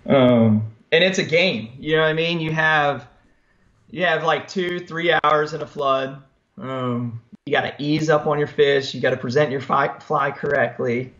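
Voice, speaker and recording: A man talking as a guest fishing guide over a video call, relaxed and matter-of-fact. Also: on the high side, measured pace, muffled recording. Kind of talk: casual chat.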